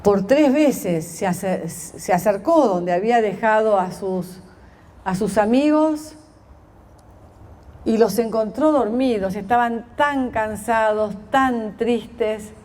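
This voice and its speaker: A woman slowly telling a story as a meditation, pausing often and voicing the quoted lines of its characters. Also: a little high, darkish tone.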